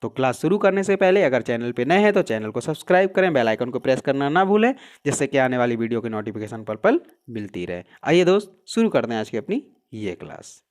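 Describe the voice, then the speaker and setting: Man teaching with a lively, questioning voice. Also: fairly quick. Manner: asks questions and answers them himself; drops low and soft at the end of answers. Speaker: Hindi grammar teacher. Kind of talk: exam-prep lesson.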